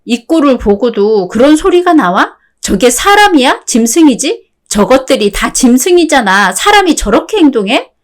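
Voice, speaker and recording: A woman playing a fed-up wife in a radio drama, calm, sarcastic and firm. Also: high-pitched, normal speed, hardly any pauses. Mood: cold. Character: fed-up wife, cool and cutting.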